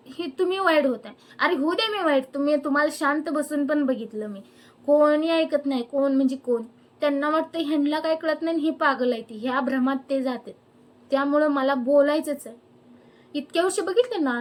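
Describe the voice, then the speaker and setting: A young woman ranting angrily to camera, firing off indignant rhetorical questions. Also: high-pitched. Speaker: vlogger. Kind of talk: angry personal rant to camera.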